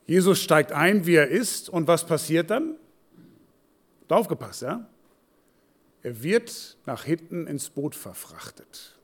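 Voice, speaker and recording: A man preaching as a pastor, swinging from hushed, slow asides to loud, animated quoted voices. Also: on the high side. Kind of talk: sermon.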